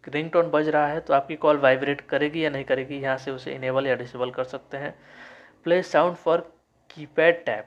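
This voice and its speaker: A man giving a step-by-step phone settings tutorial, reading menu labels out slowly and correcting himself often. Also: a little high, dull audio. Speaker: tech tutorial host. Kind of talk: screen-recorded phone settings walkthrough.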